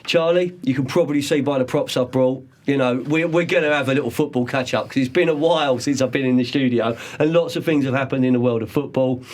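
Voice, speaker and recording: A man's voice: medium pitch, darkish tone. Upbeat man in his forties. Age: 40s. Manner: upbeat showman, slows down for emphasis. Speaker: podcast host. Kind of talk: casual podcast chat. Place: podcast studio.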